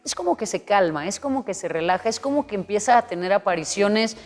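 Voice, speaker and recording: A woman's voice: mid-range voice, animated, quick pace, darkish tone. A woman explaining things earnestly as a guest coach in an interview, sometimes acting out an inner voice. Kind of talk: interview conversation. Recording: long reverb with faint music.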